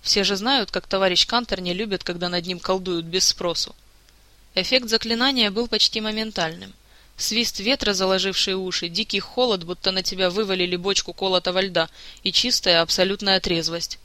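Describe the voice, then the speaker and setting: A man narrating a fantasy audiobook in a lively, expressive way. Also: high-pitched, moderate pace, dry recording.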